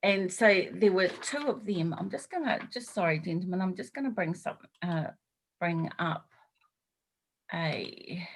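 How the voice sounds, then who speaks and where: A woman's voice: lowish voice, a little slow, slight background noise, poor audio. A woman hosting an interview, asking questions in a hesitant way with many "um"s. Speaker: interviewer host.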